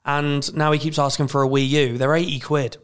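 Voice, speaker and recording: A man's voice: fairly high pitch, brisk, clear, resonant tone. Dry-humoured man, casual chat. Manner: dry, deadpan humour, laughs easily. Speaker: podcast co-host.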